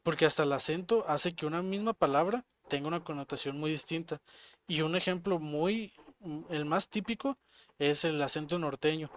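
A man's voice: on the high side, normal speed. A man with a Mexican accent from Jalisco, co-hosting a podcast in casual chat and explaining ideas with everyday examples. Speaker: podcast co-host.

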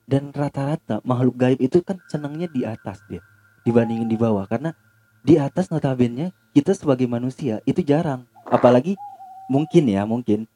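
Podcast co-host guy, warm mellow voice, thinks out loud while explaining. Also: mid-range voice, moderate pace, slightly rough. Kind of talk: casual chat.

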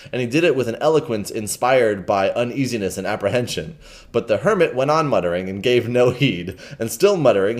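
A man hosting a podcast, reading a classic novel aloud in a relaxed, chuckling way and breaking off to chat. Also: medium pitch. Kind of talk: casual read-aloud with commentary.

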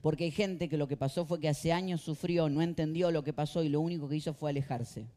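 A male pastor with a Rioplatense Spanish accent, preaching a sermon with passion and swinging between quiet talk and loud outbursts. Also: fairly high pitch, fast. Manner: impassioned, swings from quiet to shouting.

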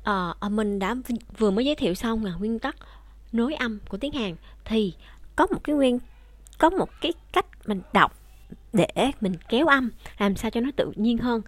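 A woman's voice: fairly high pitch, animated, moderate pace, no echo. A woman teaching a language lesson online, explaining rules patiently and speaking directly to her viewers.

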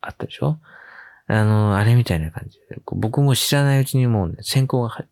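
A man hosting a casual solo radio show, telling a funny story with lively acted-out quotes and frequent laughs. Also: medium pitch, a little fast. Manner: animated storytelling, acting out quoted voices with laughs. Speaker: podcast host.

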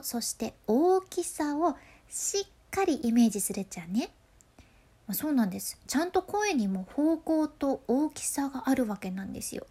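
A woman's voice: a little high, a little mellow. A woman with a Hakata accent explains voice control in a casual, playful way, laughing often. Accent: Hakata dialect.

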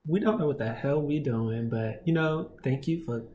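A man in his twenties co-hosting a podcast, chatting in an animated, joking way. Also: medium pitch, moderate pace, muffled recording. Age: 20s. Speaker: podcast co-host. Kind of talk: casual chat. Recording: echoey room, faint background noise.

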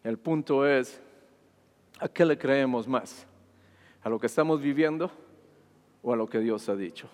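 A man's voice: mid-range voice, measured pace, pauses often. A man preaching a sermon, retelling a Bible passage and often checking with the congregation. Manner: asks the congregation "¿sí?" constantly, retelling scripture with rising fervor. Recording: long hall reverb.

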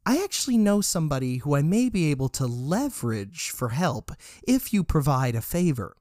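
A man voicing a sly, scheming man who persuades in a smooth, measured way. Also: fairly high pitch, very animated, mellow, no echo, clean studio sound.

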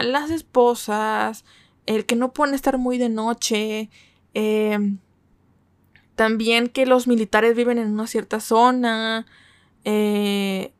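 A woman's voice: on the high side, clean tone, no echo. A woman from Mexico, chatting casually as she reviews a series and keeps checking that listeners are following. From northern Mexico. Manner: chatty, asks listeners for agreement with frequent tag questions. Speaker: K-drama reviewer.

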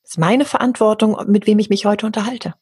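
A middle-aged woman speaking as an interview guest, earnest and animated, who sometimes acts out the voices of other people. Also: medium pitch, fast talker, slightly rough, dry recording, clean studio sound. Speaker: interview guest, hypnosis practitioner. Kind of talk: candid conversational interview.

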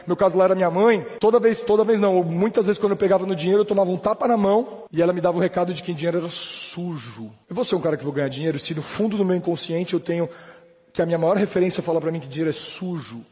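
A man from Brazil delivers a motivational talk at a rapid clip, his voice sitting high for a man. He speaks emphatically and conversationally, throwing in slangy asides. The sound carries a long reverb from the large hall he speaks in. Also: mellow. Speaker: motivational speaker at a business event. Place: large hall with a live audience.

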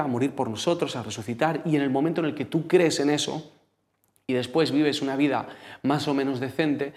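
A man's voice: medium pitch, a little mellow. A man with a Spain Spanish accent preaching a sermon in a conversational, storytelling way, speaking directly to the congregation.

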